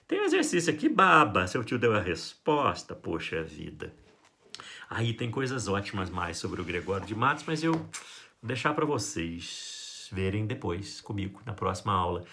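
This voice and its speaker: Lively Brazilian literature teacher, a man. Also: moderate pace, gravelly, slight background noise. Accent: Brazilian Portuguese. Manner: lively, playful, acts out quotes with big pitch jumps. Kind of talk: recorded online class for high school.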